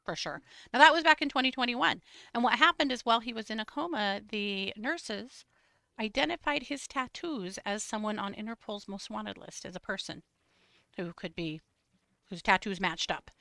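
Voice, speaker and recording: A woman's voice: fairly high pitch, moderate pace, creaky, sharp tone, no echo. A woman co-hosting a live true crime show, chatting casually with wry, sarcastic humor. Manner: wry, sarcastic, laughs often. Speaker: true crime podcast co-host. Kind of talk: casual chat, live stream.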